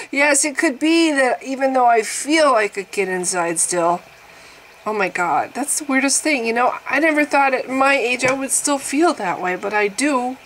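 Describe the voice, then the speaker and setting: A vlogger in her fifties talks casually to the camera about getting older, wry, exaggerated and laughing at herself, often breaking into laughter with swings in pitch and loudness. She speaks at a measured pace. The recording is low quality, with slight background noise.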